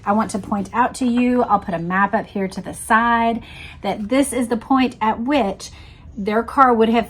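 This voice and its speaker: A woman with a husky, medium-pitched voice reads a book aloud. She pauses now and then to explain things and point them out to the viewer, mixing narration with commentary.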